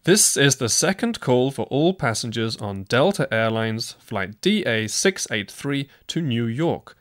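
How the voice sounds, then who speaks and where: Male announcer, mid pitch, formal and clear, reads airport notices. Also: very animated, measured pace. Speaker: announcer in a listening exercise.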